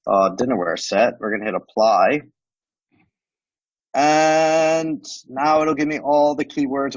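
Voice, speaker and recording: A man's mid-range voice comes through without echo, though the highs are cut off. He speaks with a blend of American and Romanian accents as a guest expert on a podcast, demonstrating software. Casually walking through the screen, he explains loosely with plenty of "like" and "um."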